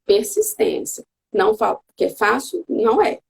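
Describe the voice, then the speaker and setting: A woman's voice: a little high, sing-song, moderate pace, gravelly, a little mellow, breathy edge. A Brazilian woman talking earnestly as a guest mother on a live video call, telling her story in a heartfelt way. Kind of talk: casual live video chat.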